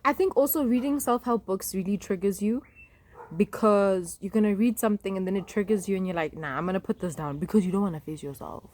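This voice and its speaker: A woman's voice: mid-range voice, a little fast, darkish tone. Chatty young woman rambling to camera. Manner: chatty and rambling, with many fillers and asides. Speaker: vlogger. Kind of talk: casual talk to camera.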